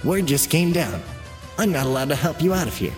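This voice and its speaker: Cheerful naive robot sidekick, read by a male narrator, higher than his own voice and very animated, in a storybook. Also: brisk, faint music behind. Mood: cheerful, innocent. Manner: chatty, guileless, catches himself mid-sentence.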